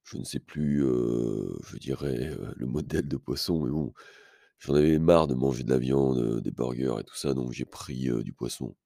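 A man with an extremely low, gravelly voice tells a story on his podcast, stopping often for fillers and restarts. He sounds blunt and sure of himself, and his dark, mellow tone is recorded dry and close to the mic. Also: normal speed, no room sound. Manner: hesitant, many fillers and restarts; blunt, self-assured. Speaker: podcast host. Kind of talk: casual storytelling monologue.

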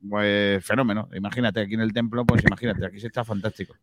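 A man presents sports radio in a fairly low voice. He talks casually and colloquially, pausing and repeating words, and the sound is dry and close. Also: level tone, no room sound. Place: stadium press room.

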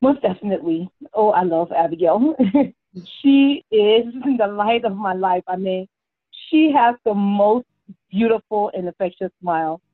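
Mom telling stories on a call, laughs a lot, sounds tinny and dry. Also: female voice, mid-range voice, unhurried, no echo. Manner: warm storytelling, laughs often. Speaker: podcast guest, mother. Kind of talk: casual interview chat. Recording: tinny phone-like line, dry.

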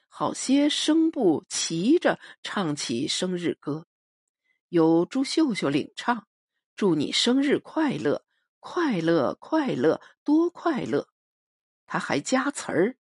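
A woman narrating a novel as an audiobook, in a measured, expressive storytelling manner. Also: medium pitch, husky, no echo, clean studio sound.

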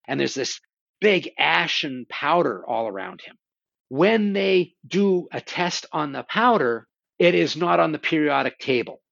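A man's voice: on the high side, very animated, a little slow, creaky, fairly bright tone, dry recording, muffled recording. A man hosting a show, casually and animatedly retelling horror stories, swearing now and then. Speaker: podcast host. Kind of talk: casual conversation about horror films.

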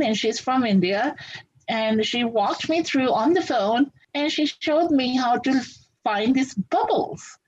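A woman's voice: high voice, husky, dull audio. A woman from Fiji answering interview questions in a practical, upbeat way. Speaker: interview guest.

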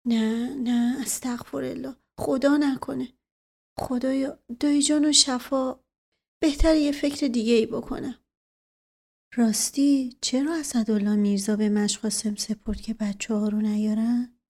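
Woman doing a nervous lovesick young guy in an audiobook, halting pleading questions, bit high. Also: steady tone, darkish tone. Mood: anxious. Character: lovesick anxious young man, earnest and fretful. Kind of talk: audiobook character reading.

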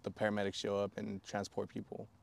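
A man's voice: lowish voice, monotone, quick pace, creaky. A young man in his twenties telling his story candidly in a casual podcast chat, with frequent fillers and swearing. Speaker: podcast guest.

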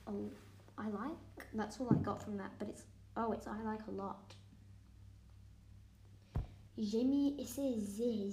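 A woman's voice: fairly high pitch, vocal fry, warm tone, slight background noise. Chatty young woman thinking aloud. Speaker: student. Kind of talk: casual vlog, quizzing herself on vocabulary. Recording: echoey room.

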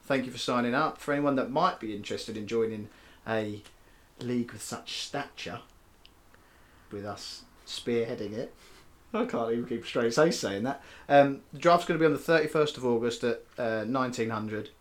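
A man's voice: medium pitch, normal speed. A man co-hosting a casual sports podcast, chatty and self-mocking with many fillers. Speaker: podcast co-host.

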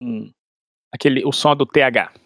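Man, expert guest, casual explainer, halting restarts, dry sound. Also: medium pitch, steady tone, fairly bright tone, no room sound. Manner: explains with everyday analogies and acted-out inner dialogue.

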